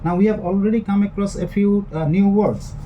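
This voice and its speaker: A man's voice: high voice, a little fast, muffled recording, a little hiss or hum. A man with an Indian English accent giving a recorded online lecture, explaining step by step and often repeating and rephrasing his points with fillers.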